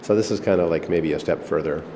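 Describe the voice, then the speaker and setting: A middle-aged man who owns an old missile silo, talking in a relaxed, rambling way with fillers, recorded inside a concrete chamber. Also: low-pitched, fast. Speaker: missile silo owner giving a tour. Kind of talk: casual conversational interview. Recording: echoey concrete chamber, faint background noise.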